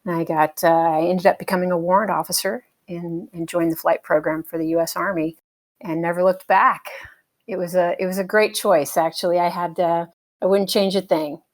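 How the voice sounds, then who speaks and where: A middle-aged American woman with a slightly low voice is a guest in a casual conversational interview, where she talks about being a helicopter pilot. She answers in a relaxed, thoughtful way, filling pauses with small hesitations, frequent fillers and easy, light laughs.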